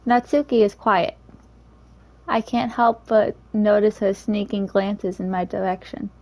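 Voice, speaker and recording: A woman reading a visual novel's narration aloud in a steady, even way. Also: medium pitch, unhurried, low-quality recording. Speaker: game reader.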